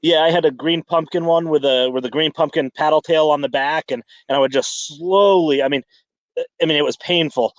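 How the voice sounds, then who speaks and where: A man's voice: fairly high pitch, fairly even intonation, a little fast, no room sound. A man chatting casually on a fishing podcast, rambling with many restarts and fillers. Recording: dull lo-fi dry sound.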